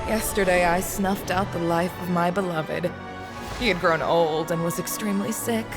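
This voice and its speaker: Woman playing tender witch, somber, lower register, strong backing music. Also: fairly even intonation, moderate pace, natural voice. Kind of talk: game cutscene acting.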